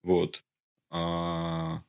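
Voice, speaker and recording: A young man in his twenties with a very low voice answers interview questions. He talks haltingly and searches for his words. He pads his thoughts with small fillers. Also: completely flat delivery, creaky. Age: 20s. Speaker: interview guest. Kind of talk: casual interview conversation.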